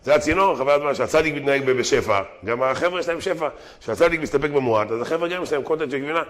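A man teaching a weekly religious lesson in an animated, slangy way that mixes learned phrases with street talk. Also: fairly high pitch. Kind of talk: religious lesson mixed with jokes.

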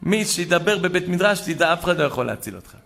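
A man preaching a sermon to a congregation, telling a story with animated swings between loud exclamations and hushed asides. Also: sits high, vocal fry, faint music behind. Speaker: rabbi preacher.

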